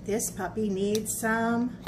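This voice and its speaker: A woman's voice: fairly high pitch, steady tone, takes it slowly, noisy background. A woman teaching young children in a read-aloud and craft lesson style, explaining things simply and often checking in with little questions. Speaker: children's art teacher and storybook reader.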